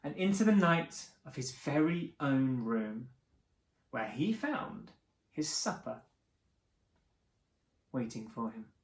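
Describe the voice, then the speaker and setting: A man hosting a picture book reading, narrating theatrically for children with dramatic pauses. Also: medium pitch, big pitch swings. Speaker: host reading picture books aloud. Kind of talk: animated children's story narration. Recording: roomy, echoing sound.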